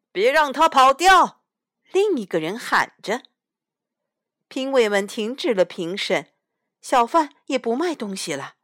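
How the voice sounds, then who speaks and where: Slow, expressive woman storyteller. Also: on the high side, dry recording, studio quality. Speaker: mother reading to her child. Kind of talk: reading a picture book aloud.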